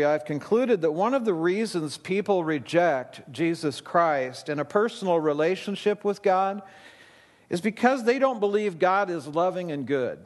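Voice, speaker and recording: A middle-aged man, a pastor in his fifties, speaks at a pulpit microphone in a church. His voice sits a touch high, and his preaching stays relaxed and conversational, with easy side remarks. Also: long reverb tail. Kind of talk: sermon.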